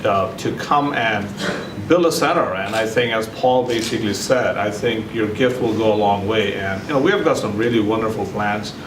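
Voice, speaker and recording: A man from Nepal speaks at a grant ceremony, with halting phrasing and frequent fillers. He sounds far from the mic in an echoey room with noise behind him. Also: lowish voice. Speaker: center director. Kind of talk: ceremony speech.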